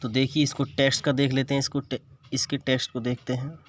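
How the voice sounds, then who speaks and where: A man's voice: mid-range voice, level tone, fast. A man teaching an English lesson, reading English lines in an Indian accent and explaining each word patiently. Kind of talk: bilingual classroom lesson explaining an English text.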